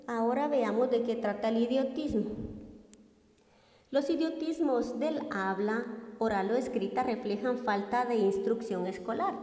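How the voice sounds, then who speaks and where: A woman teaching a Spanish language lesson, explaining slowly and deliberately with repeated examples. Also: fairly high pitch, warm tone, reverberant, long reverb tail. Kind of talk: classroom lesson.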